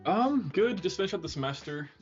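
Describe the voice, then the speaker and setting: Young man, student trader, easygoing and halting, dull audio, faint music behind. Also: high voice, animated. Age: young adult. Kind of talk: casual trading chat.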